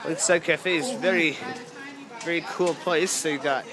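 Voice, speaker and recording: A young man's casual commentary accompanies his nighttime walk through a zoo light show, captured as a vlog on a handheld camera; he rambles and is easily amused. His voice is on the high side, with fairly even intonation and a moderate pace. The outdoor audio is noisy, full of crowd chatter.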